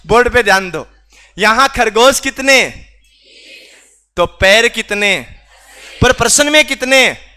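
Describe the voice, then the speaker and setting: A man teaches a reasoning class in a classroom. His voice sits high and bright, and he teases the students and pushes them to answer out loud. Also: clear, resonant tone. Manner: teasing, scolds students for not answering. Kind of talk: classroom lecture.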